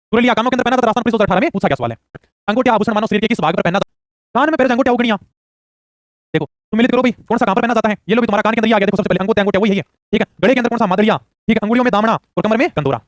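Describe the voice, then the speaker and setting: Rapid-fire man, high voice, quizzing students. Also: dry recording, clean studio sound. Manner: rapid-fire, urging answers fast. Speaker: exam coaching teacher. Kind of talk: rapid quiz-style lesson.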